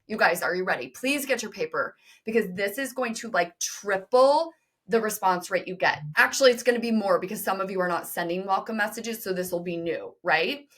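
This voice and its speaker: A woman's voice: mid-range voice, lively intonation, fairly bright tone. Woman on a podcast going hard, emphatic and direct, talks to listeners like she's coaching them. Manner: emphatic, direct, fast-talking, addresses listeners. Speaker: podcast guest, business co-founder. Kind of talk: energetic interview talk.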